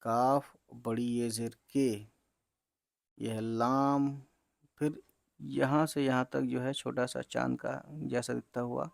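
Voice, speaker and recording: A man teaching beginners to read Urdu, spelling words out letter by letter in a slow, patient way and talking to viewers as friends. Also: medium pitch, level tone, vocal fry, no echo, clean studio sound.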